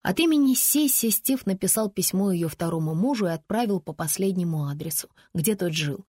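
A woman narrating an audiobook in an even, measured reading voice. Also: on the low side, slightly rough, no room sound, studio quality. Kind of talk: scripted narration.

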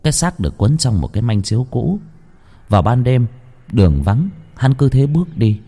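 A man narrating a ghost story in the first person, emotional and dramatic, swinging from hushed lines to pleading cries. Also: medium pitch, big pitch swings, normal speed, breathy edge. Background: faint music.

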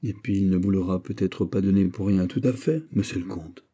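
A deferential, modest young man, as a male audiobook reader puts him on. He speaks politely and softly, in a low, husky, mellow voice. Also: a little fast.

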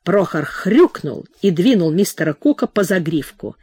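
A woman reading a novel aloud in expressive audiobook narration. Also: on the low side, moderate pace, breathy edge, no room sound, studio quality. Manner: expressive storytelling. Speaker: audiobook reader.

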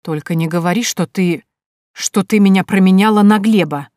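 A woman's voice: lowish voice, moderate pace, dry recording, clean studio sound, lightly acted. A woman reading the lines of a smug, wheedling young man who chases women. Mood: bitter. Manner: wheedling, then bitter and shouting.

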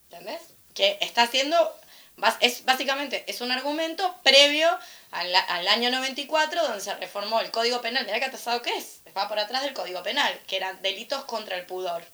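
A young adult woman from Argentina with a Rioplatense accent, talking casually on a panel, animated and irreverent, acting out the voices she quotes. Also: a little high, a little fast. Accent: Rioplatense Spanish. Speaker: panel speaker. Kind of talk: casual storytelling commentary at a panel.

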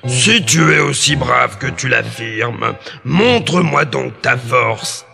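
A man voicing a huge, gruff male giant in a storybook cassette, slow and growling. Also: medium pitch, lively intonation, sharp tone, faint music behind, heavily acted. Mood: doubtful. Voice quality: gravelly. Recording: long hall reverb.

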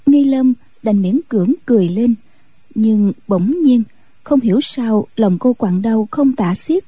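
Brief: calm woman story narrator, very dark mellow tone, dry close mic. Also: fairly high pitch, measured pace, breathy edge, dry recording. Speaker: audiobook narrator.

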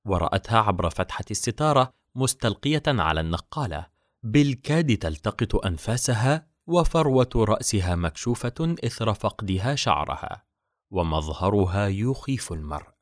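A man narrating a novel as an audiobook reader, with expressive storytelling. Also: lowish voice, fairly quick, no echo, clean studio sound. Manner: expressive storytelling, acts out each character.

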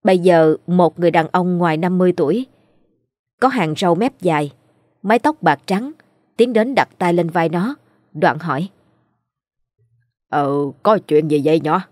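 A woman's voice: fairly low pitch, expressive, normal speed, darkish tone, no echo, studio quality. A woman narrating a ghost story in a scripted storytelling style.

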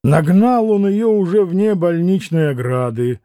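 Man reading an audiobook, slow steady voice, dark tone, dry close sound. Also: sits high, clear, resonant tone, no room sound. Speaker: narrator. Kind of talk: audiobook narration of a classic novel.

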